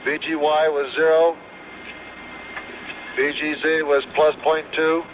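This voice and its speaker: Brief: man as an astronaut, flat clipped status readout over crackly space radio, muffled and hissing. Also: fairly high pitch. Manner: clipped, flat, reads numbers in quick bursts. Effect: crackly space radio transmission. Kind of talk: terse radio status report. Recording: dull noisy archival radio downlink.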